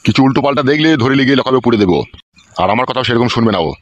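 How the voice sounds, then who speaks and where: A man's voice: mid-range voice, very fast, close to an everyday voice. A man voicing a crooked, scheming politician in a cartoon, with a coarse, bossy manner. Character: crooked small-town male politician, scheming. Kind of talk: cartoon voice acting. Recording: dull lo-fi audio.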